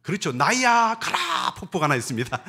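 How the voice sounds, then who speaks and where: A man preaching as a pastor, telling stories in an animated way and putting questions to his congregation. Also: fairly high pitch, moderate pace, creaky, breathy edge. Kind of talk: sermon.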